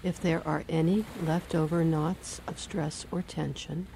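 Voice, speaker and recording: A woman reading a guided relaxation and hypnosis script in a slow, soothing, measured way. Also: sits low, steady tone, vocal fry, mellow, a little hiss or hum.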